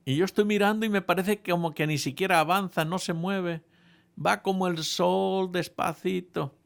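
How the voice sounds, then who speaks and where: A man preaching to a congregation with a somewhat high, gravelly voice. He tells a humorous story playfully and with animation, often breaking off and restarting his phrases. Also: fairly even intonation, normal speed.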